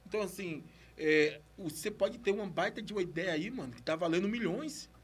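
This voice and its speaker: This entrepreneurship podcaster is a man whose high, husky voice moves fairly quickly. He speaks with a Brazilian accent and a slight stammer, keeping things casual and motivational, slangy and exhortative, and often saying the same thing twice.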